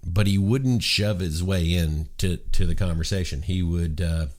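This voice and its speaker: A man's voice: low voice, unhurried. A middle-aged man hosting his own show, talking in a casual, heartfelt monologue that rambles and restarts. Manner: rambling, earnest, frequent restarts. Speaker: show host.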